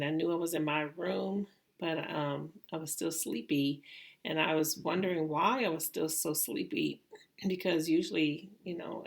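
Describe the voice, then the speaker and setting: Gravelly, low-voiced middle-aged woman. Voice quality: gravelly, creaky voice. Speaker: vlogger recounting own surgery. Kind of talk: casual personal storytelling.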